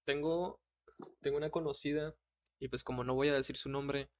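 A man's voice: medium pitch, moderate pace, no room sound. Dry-voiced man telling stories. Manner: relaxed storytelling with slang and restarts. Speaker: co-host of a livestream chat. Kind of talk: casual chat.

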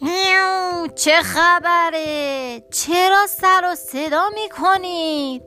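A woman voicing a hungry, gullible male cat in a children's storybook, with drawn-out meows and a slow, loud delivery. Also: extremely high pitch, soft background music, pitched above the performer's own voice. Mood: greedy.

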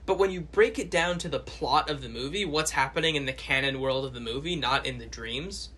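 A man's voice: medium pitch, brisk, pushed and bright, slightly rough. A man co-hosting a podcast, analyzing a movie in casual chat with lots of "like" fillers. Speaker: podcast co-host.

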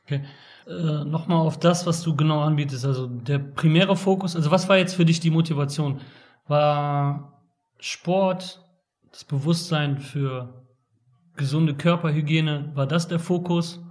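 Fairly high-voiced podcast host man. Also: steady tone, unhurried, a little mellow. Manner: loose, rambling questions. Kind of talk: casual interview talk.

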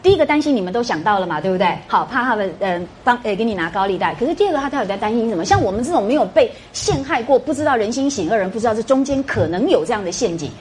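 A woman's voice: on the high side, lively intonation, racing, few pauses, slight background noise. A middle-aged woman giving a classroom lecture, quizzing her students with rhetorical questions and tag particles. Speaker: university lecturer.

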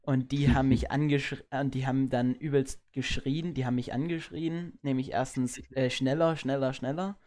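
A man's voice: medium pitch, fairly even intonation, moderate pace, a little mellow. A young man co-hosting a casual live stream chat, telling stories and laughing as he goes. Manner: storytelling, laughing through anecdotes. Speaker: stream co-host.

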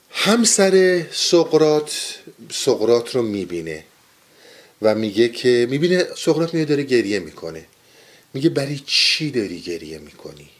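A man lecturing on mystic poetry in an earnest, explaining manner. His pitch rises and falls freely as he presses his points home and keeps urging listeners to take note. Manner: earnest, explanatory, urges listeners to pay attention. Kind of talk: spiritual lecture.

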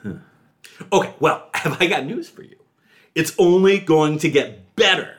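A man hosting a music podcast, talking with theatrical enthusiasm and jumping into high excited yelps. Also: moderate pace. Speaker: podcast host.

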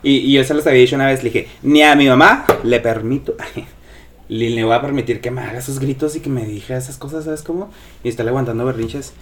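Background noise sits under a medium-pitched man speaking briskly. He's a podcast co-host dishing gossip in a casual conversation, bringing the story to life by acting out the quoted voices.

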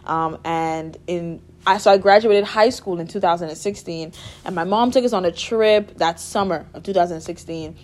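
Lively young Bahamian-raised woman. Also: on the low side, normal speed. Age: young adult. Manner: bubbly, laughs often, many fillers. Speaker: guest, music therapy student. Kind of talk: casual interview chat.

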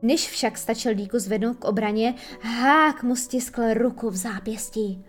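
Expressive woman reading a storybook. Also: a little high, faint music behind. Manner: lively, expressive. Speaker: narrator.

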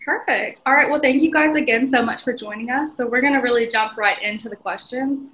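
A young woman in her early twenties hosts a podcast panel. Her voice is bright and a little high, and she welcomes her guests in an upbeat way. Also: a little fast, reverberant, poor audio. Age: 20s. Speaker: podcast host. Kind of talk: hosting a panel discussion.

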